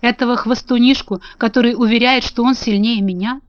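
A woman's voice: a little high, steady tone, fairly quick, no echo, close to an everyday voice. A woman voicing a small, brave male dog who talks in a cocky, boastful way. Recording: dull lo-fi dry audio.

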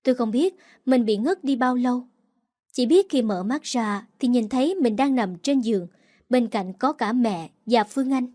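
A woman narrating a first-person dramatic story in a steady storytelling voice. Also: fairly high pitch, normal speed. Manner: steady storytelling, quoted lines acted with emotion.

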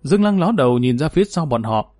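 A man's voice: on the high side, sing-song, fast, a little mellow, dry recording, clean studio sound, soft background music. A man narrating a historical novel, reading steadily and lifting his voice when characters speak. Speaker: audiobook narrator.

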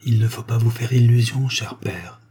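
A frail dying girl from a read-aloud novel, her voice faint and worn, sometimes sinking to a whisper, as a male narrator puts her on. The tone is low and dark, with a husky edge. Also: normal speed, lightly acted. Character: dying young girl, frail, serene, devoted.

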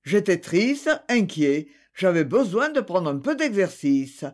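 A man's voice: sits high, big pitch swings, unhurried, darkish tone. A man voicing a proud young man under suspicion who answers defensively. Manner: defensive, tense.

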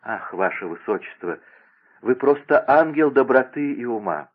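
A man's voice: medium pitch, animated, normal speed, close to an everyday voice. A man reading aloud and voicing an anxious young lady-in-waiting who answers in a pleading, flustered way. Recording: tinny phone-like radio broadcast.

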